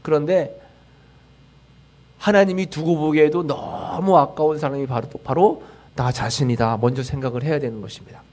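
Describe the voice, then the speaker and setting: A man preaching a sermon as a pastor in a church, swinging from loud emphasis to near-whispered line endings and acting out voices of self-talk. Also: on the high side, steady tone, normal speed. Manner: dramatic swings in loudness, trailing off to near-whispers at line ends; acts out quoted self-talk and leads the congregation in call-outs. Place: church sanctuary.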